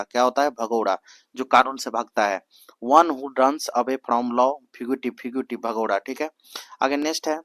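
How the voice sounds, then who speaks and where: A young man leads a coaching lesson at an even middle pitch, asking "what is it called?" and repeating each answer in a drill. He reads the English prompts slowly, word by word. The sound is dry and close, with no room echo. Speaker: exam coaching teacher. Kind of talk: Hindi exam-prep lesson mixed with English.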